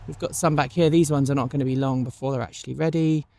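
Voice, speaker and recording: A woman with a rumbling low, warm voice talks quickly with fairly even intonation. She hosts an unscripted outdoor garden vlog, chatting and rambling with lots of ums, a bit sniffly as she recovers from a cold, while giving a scripted outro thanking supporters.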